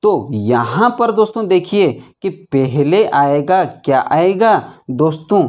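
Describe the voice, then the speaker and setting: A man with a fairly high, expressive voice and a darkish tone teaches grammar, repeatedly asking the class questions, calling them friends, and answering himself. When spelling, he draws out single letters and syllables slowly.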